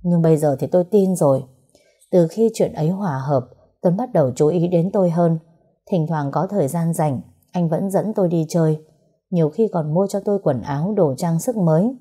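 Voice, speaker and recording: Người đọc nữ, giọng thấp, khàn hơi thở, kể chuyện tâm tình chậm rãi. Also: female voice, on the low side, normal speed, mellow, breathy edge. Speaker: storyteller. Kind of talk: first-person story narration.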